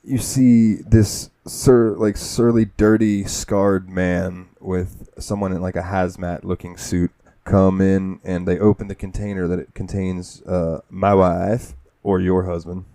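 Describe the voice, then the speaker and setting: A man's voice: low voice, flat delivery, a little slow, warm tone, dry recording. A man hosting a gaming podcast, telling the story of a game in a rambling, profane way. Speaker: podcast host. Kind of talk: casual gaming podcast chat.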